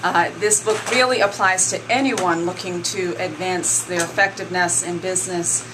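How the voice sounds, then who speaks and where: A woman from Barbados, a guest author in a radio interview, speaking earnestly and in measured phrases with frequent fillers. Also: on the low side, fairly even intonation, background noise.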